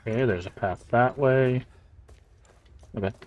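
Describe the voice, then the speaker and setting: Male game streamer, deeper voice, laid-back running commentary, soft mumbled asides. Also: measured pace, lo-fi sound. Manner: relaxed, chatty, mumbles asides. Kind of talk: casual live-stream commentary.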